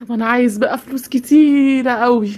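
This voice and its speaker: A woman's voice: fairly high pitch, steady tone, fast talker, darkish tone, natural voice. A woman voicing a nervous young man who finds a magic lamp, speaking with an Egyptian Arabic accent and brushing people off. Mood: curious.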